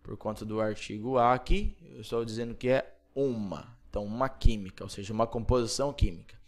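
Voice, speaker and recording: A man from Brazil teaching English pronunciation, repeating each word slowly and checking in with playful asides. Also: on the low side. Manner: repeats words slowly and clearly, asks "beleza?" often. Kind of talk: Portuguese-spoken English pronunciation lesson.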